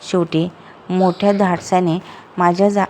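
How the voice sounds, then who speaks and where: A woman's voice: on the low side, level tone, unhurried, dark tone, a little hiss or hum, close to an everyday voice. A woman storyteller voicing an anxious, earnest young married woman. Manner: earnest, pleading.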